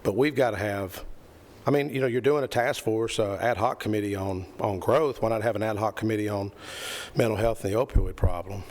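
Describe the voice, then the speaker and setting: A man's voice: lowish voice, fairly quick, a little mellow. A middle-aged man giving an earnest, rambling speech at a committee meeting, repeating phrases for emphasis. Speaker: committee member. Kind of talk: impassioned speech at a public meeting. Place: county committee meeting room.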